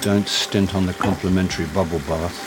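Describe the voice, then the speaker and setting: A man's voice: low-pitched, fairly even intonation, brisk, loud music behind the voice, close to an everyday voice, rough recording. A man playing a wry, self-deprecating older actor in a radio comedy drama, with a dry delivery. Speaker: actor and amateur sleuth.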